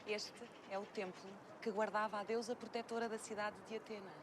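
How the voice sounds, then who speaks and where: A woman's voice: medium pitch, little pitch movement, brisk, noisy background, close to an everyday voice. An actress playing a patient, formally polite history professor from Portugal, explaining things to her daughter outdoors. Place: outdoors at an ancient site.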